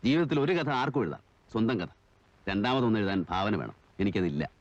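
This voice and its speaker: An actor playing a calm, reflective writer serving a prison term, in a 1980s film. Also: male voice, fairly low pitch, no room sound, lightly acted. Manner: measured, reflective. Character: calm, world-weary writer in prison, a man. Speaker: imprisoned writer. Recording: dull old film sound.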